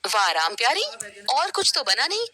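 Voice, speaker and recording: A woman voicing a sharp-tongued older neighbor woman who talks in a scolding, scornful way, in a noisy cartoon recording. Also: on the high side, very animated, moderate pace.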